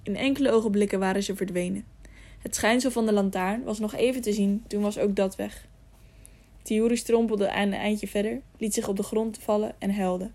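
A woman reading an audiobook aloud, telling the story in a calm, measured way. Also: medium pitch. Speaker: audiobook narrator. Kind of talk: scripted storybook narration.

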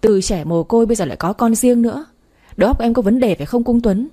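A harsh, scornful older sister, as a woman narrator reads her lines. She scolds sharply in a mellow, slightly husky voice. The tone is warm and low in brightness, with a soft breathy edge. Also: lively intonation, fast talker. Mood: angry. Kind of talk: storybook reading.

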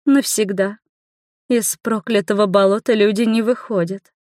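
A woman's voice: mid-range voice, fairly even intonation, moderate pace, a little mellow, no echo, studio quality, natural voice. Woman doing a stern ancient swamp spirit.

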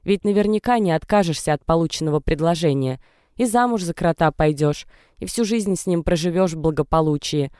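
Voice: medium pitch, brisk, darkish tone, smooth, dry recording, clean studio sound, close to an everyday voice. Narrator voicing a tearful, defiant young woman. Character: young distressed pregnant woman. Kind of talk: audiobook character reading.

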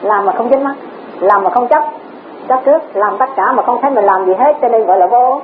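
A woman's voice: on the high side, brisk. Woman, Dharma teacher, repeats herself, poses rhetorical questions, tinny tape with faint hiss. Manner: repetitive, rhetorical questions, chuckles often. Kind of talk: Dharma talk.

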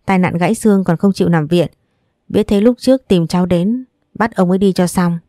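A warm, chatty nurse in a storybook, gentle and motherly, as a woman narrator reads her. The voice is low and mellow, and it sounds dry and close. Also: brisk, no room sound, lightly acted. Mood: kindly.

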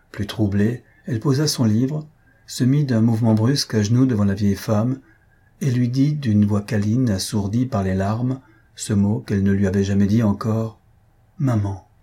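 A man reading a classic novel aloud in a measured, even storytelling manner. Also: lowish voice, husky. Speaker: audiobook reader. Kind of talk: scripted narration of a novel.

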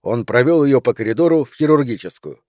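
A man reading an audiobook at mid pitch, measured and expressive. The sound is close and dry, with no room around him. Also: no room sound. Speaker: narrator.

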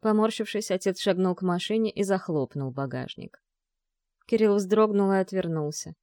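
A woman narrates a tense thriller audiobook in a mid-range voice with a steady pace. The recording is dry and close, with no room echo. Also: medium pitch, moderate pace.

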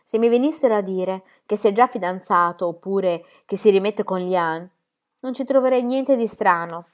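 A woman's voice: mid-range voice, moderate pace, pitched above the performer's own voice, close to an everyday voice. A woman voicing a small, furious elderly aunt who scolds with sarcasm. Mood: scolding.

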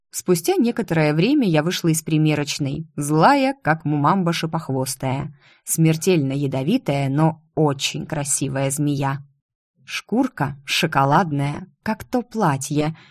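A woman narrating a first-person audiobook in a steady, expressive reading. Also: deep voice, dry recording, clean studio sound.

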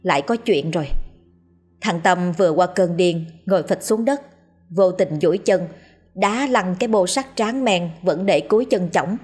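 A woman narrating a story in a measured, expressive reading. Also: lowish voice, slightly rough, soft background music. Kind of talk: scripted narration of a ghost story.

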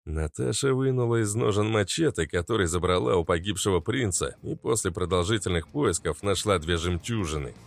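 A man narrating a fantasy audiobook in an even, measured reading. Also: sits low, creaky, dry recording. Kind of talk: scripted narration.

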